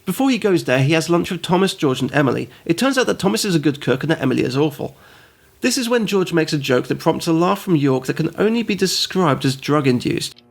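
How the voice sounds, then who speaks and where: A man narrates a comedic game review in a sarcastic, rambling way. His voice is a touch high and has a gravelly edge. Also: expressive, quick pace. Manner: sarcastic, goes off on tangents. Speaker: host and reviewer.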